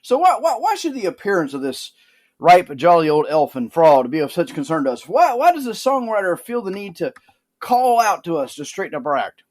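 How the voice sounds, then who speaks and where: A man hosting a podcast, giving a dry, sardonic, mock-serious comic monologue. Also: fairly quick. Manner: lively, animated pitch. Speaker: podcast host.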